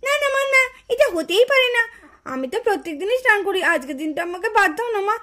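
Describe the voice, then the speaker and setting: Woman doing a stubborn sleepy little girl puppet, super high and whiny, talks quick. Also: sing-song, bright, forceful tone, exaggerated voice. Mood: whining. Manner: whiny, pleading. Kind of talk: puppet cartoon voice.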